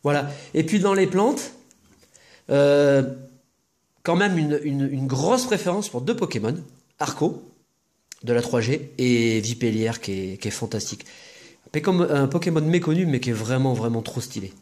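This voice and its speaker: A man's voice: mid-range voice, lively intonation, moderate pace, darkish tone. A man hosting a casual unboxing video, talking to viewers in a chatty, rambling way with jokey asides. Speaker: video host opening trading-card boxes.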